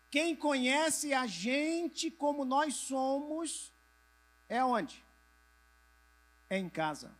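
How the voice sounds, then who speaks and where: A middle-aged male pastor preaching to church leaders, asking the audience questions and answering them himself, sometimes having them raise hands or turn to a neighbor. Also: sits high. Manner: drops to a soft voice at moments. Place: church convention hall with a live audience.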